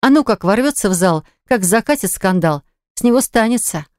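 A woman reading an audiobook in measured scripted narration on a close studio mic. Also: mid-range voice, animated, a little mellow, smooth, no echo.

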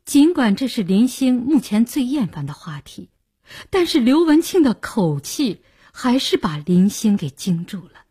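A woman narrating a radio novel at a measured pace. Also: on the high side, sing-song, mellow, breathy edge. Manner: measured storytelling. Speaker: novel reader.

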